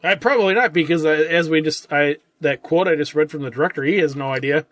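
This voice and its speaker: Rambling podcast guy, slightly high voice. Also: fast talker, fairly bright tone, dry recording. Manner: rambling, full of "like" and "I mean", restarts a lot. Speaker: podcast co-host. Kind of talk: casual movie-review chat.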